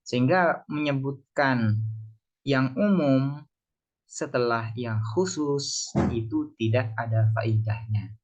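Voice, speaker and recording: A man's voice: medium pitch, takes it slowly, long pauses. A man with an ordinary mid-range voice gives a religious text lesson. He works through the text phrase by phrase, turning each Arabic line into plain speech and posing his own questions before answering them. The recording sounds a little dull and lo-fi. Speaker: religious teacher. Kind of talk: kitab study lesson, translating Arabic text.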